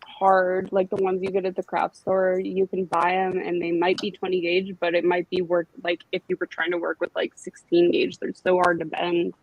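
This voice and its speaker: Brief: relaxed, joking woman guest, slightly muffled sound. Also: lowish voice, moderate pace, few pauses. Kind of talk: casual chat.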